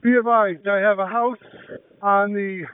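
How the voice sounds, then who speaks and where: A man's voice: high-pitched, fairly even intonation, a little slow, smooth, dry recording. A man working as fire incident commander, giving urgent, clipped orders in firefighter radio traffic. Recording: tinny two-way radio transmission.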